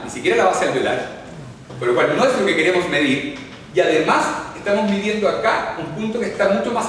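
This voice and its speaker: This Chilean man lectures on orthodontics live in a lecture hall, speaking with a Chilean Spanish accent. His voice sits high with a fairly bright tone as he explains things step by step and frequently checks in with the audience. The echoey hall was recorded from a distance, with slight background noise.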